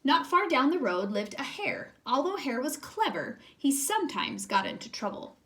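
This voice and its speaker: A woman's voice: high-pitched, big pitch swings, normal speed, a bit bright. A woman teacher reading a children's storybook aloud expressively, speaking directly to young listeners.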